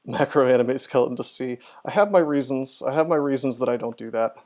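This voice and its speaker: A man talks a little fast as he streams a video game, chatting casually about his moves and replying to chat. His voice is mid-range and slightly mellow.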